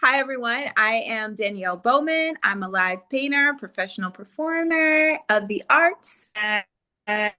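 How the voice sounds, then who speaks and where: Slow, bright-voiced woman. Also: on the high side, lively intonation. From Louisiana, US. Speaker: panelist. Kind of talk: casual panel chat. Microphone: phone on video call.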